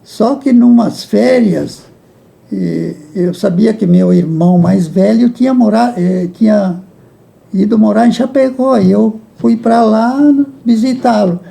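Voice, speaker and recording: A man, a guest recalling his youth in a halting way that repeats words, with frequent chuckles. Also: high voice, creaky, mellow. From Rio Grande do Sul, Brazil. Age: 80s. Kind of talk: reminiscing in a casual interview.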